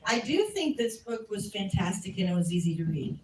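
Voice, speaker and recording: Brisk and a little mellow, her medium-pitched voice swings widely in pitch as she takes questions in a casual civics Q&A. She's open, talkative, and self-effacing, recorded from afar in an echoey community meeting room with faint noise.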